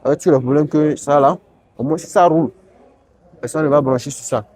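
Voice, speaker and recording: A man's voice: a little high, a little fast, a little mellow. A man giving casual, rambling commentary while walking around an outdoor used car auction lot, filming on a handheld phone. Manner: chatty and rambling, sprinkled with tags and asides.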